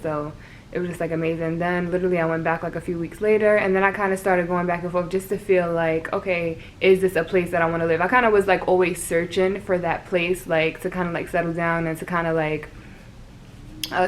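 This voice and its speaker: A woman's voice: lowish voice, rough recording. A young woman from Brooklyn with a New York accent, chatting casually in a vlog, rambling with lots of fillers. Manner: rambling, filler-heavy, laughs often. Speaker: vlogger. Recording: faint background noise.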